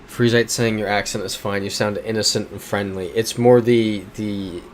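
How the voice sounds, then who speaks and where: An American streamer with a lowish, steady voice plays a map-guessing game at a moderate pace, casually reading out what viewers type and thinking through map clues. A little hiss or hum sits under the audio.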